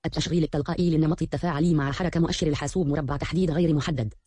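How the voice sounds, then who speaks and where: A male text-to-speech screen reader voice rattling off menu items and checkbox states in a flat machine reading. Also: a little high, very fast, husky, no room sound. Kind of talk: synthetic screen reader announcements.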